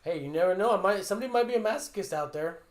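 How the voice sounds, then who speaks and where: A man's voice: high-pitched, expressive, rapid-fire. A man hosting a casual livestream interview, answering in brief, easygoing, agreeable remarks. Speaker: livestream host.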